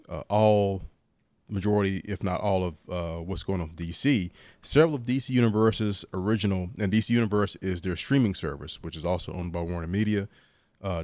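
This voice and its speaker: A man's voice: on the low side, a little mellow, no room sound. A man co-hosting a comics podcast, recapping industry news in casual chat. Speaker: podcast co-host.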